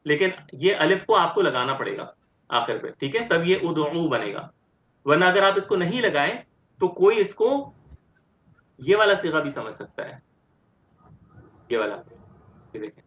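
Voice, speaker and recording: Slow, repeating grammar teacher in a roomy lo-fi recording. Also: male voice, a little high, sing-song, fairly bright tone. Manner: explains step by step, often asks "ठीक है?"; repeats word forms slowly and deliberately. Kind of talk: online grammar lecture. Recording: roomy, dull lo-fi sound.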